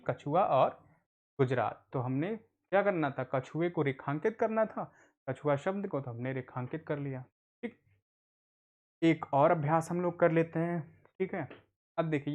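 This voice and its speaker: A man's voice: a little high, lo-fi sound. Patient man teaching reading. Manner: patient, repetitive, asks and answers own questions. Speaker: adult literacy teacher. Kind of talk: online Hindi reading lesson.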